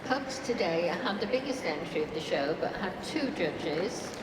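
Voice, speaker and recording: A lower-voiced woman announces winners slowly and deliberately over a hall system. She sounds far from the mic, with long, booming reverb and steady noise behind her. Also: a loud crowd. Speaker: ring announcer. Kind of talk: public announcement.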